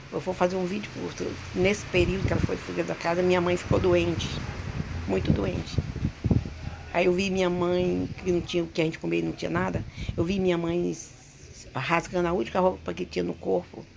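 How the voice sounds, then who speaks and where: A woman, hosting her own channel and telling a personal story in a halting way, full of restarts and repeated words. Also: fairly low pitch, vocal fry, background noise. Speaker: channel host.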